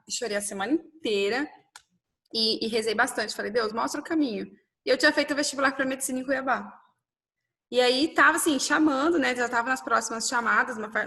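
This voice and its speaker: Animated woman telling her life story. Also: fairly high pitch. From Brazil. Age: 30s. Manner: animated, quotes dialogue, frequent "né?". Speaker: interviewee. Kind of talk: personal storytelling interview.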